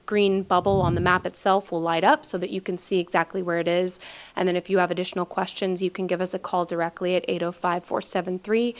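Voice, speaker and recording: A woman on a city's planning staff, informatively explaining procedures at a council meeting with frequent ums. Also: lowish voice. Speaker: city planning staff member.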